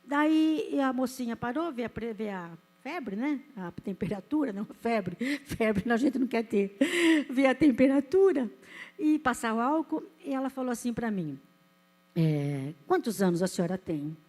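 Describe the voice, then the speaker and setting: A woman's voice: fairly high pitch, normal speed, a little mellow. A woman in her fifties with a Brazilian Portuguese accent, a pastor giving an earnest, emotional sermon with a personal testimony. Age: 50s. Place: church.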